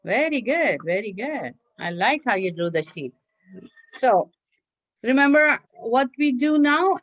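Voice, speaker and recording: A woman teacher leads a children's craft class, giving simple step-by-step instructions and encouragingly repeating them. Her voice is a little high and a bit bright, with no room sound, over dull lo-fi online class audio.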